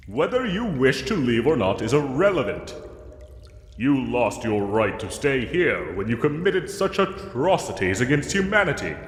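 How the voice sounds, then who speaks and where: A man plays a pompous knight in a scripted fantasy audio roleplay, his medium-pitched voice echoing with cave-like reverb over music. He speaks slowly in formal, archaic, grandly theatrical language that swoops dramatically, stern and condescending yet soft-hearted beneath the gallantry.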